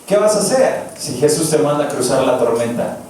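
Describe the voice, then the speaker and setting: A man's voice: medium pitch, animated, fairly quick, warm tone, recorded from a distance. A man preaching a verse-by-verse sermon, emphatic and asking the congregation questions. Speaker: pastor. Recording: roomy echo, voice from afar, faint noise.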